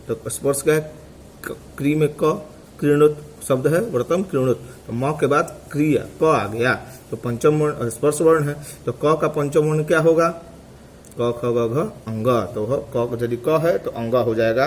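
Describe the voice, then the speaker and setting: Guy teaching a grammar class, keeps asking then answering his own questions, says terms over and over, bit of hiss behind. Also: mid-range voice. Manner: asks questions and answers them himself; repeats terms slowly to drill them. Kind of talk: classroom lecture.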